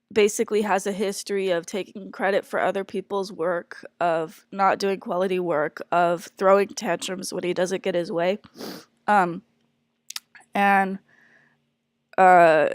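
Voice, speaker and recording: A congested woman gives a candid personal monologue about a stressful work situation, hesitant and full of fillers and restarts. Her mid-range voice is captured in a dry, studio-quality recording.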